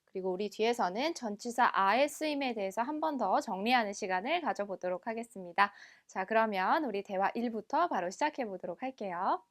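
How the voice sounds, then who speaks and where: A woman teaching a French lesson, explaining step by step and slowly repeating each word twice. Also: medium pitch, animated. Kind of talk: recorded language lesson.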